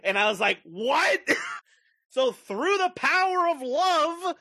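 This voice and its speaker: A man co-hosting a casual movie review podcast, retelling a plot with profane, excitable energy. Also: takes it slowly, creaky, no echo, clean studio sound. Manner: profane, excitable storytelling with big pitch swings. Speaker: podcast co-host.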